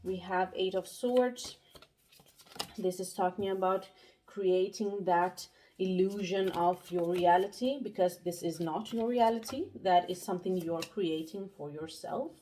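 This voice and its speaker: A woman's voice: lowish voice, mellow, a little hiss or hum. Breathless pregnant woman reading tarot. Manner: halting, many fillers and restarts. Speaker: tarot reader. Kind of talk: casual monologue, tarot reading.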